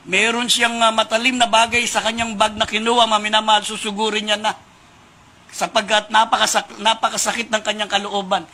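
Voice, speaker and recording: A male preacher from the Philippines tells a moral story in an emphatic sermon, calling his congregation beloved at nearly every turn. His voice is high and bright. His pitch stays fairly level throughout. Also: flat delivery, a little fast.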